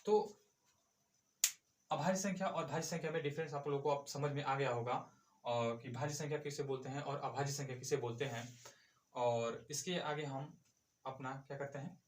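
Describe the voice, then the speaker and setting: A man's voice: medium pitch, steady tone, moderate pace, a little hiss or hum. Man teaching math in an echoey room. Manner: asks and answers his own questions. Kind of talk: classroom math lesson.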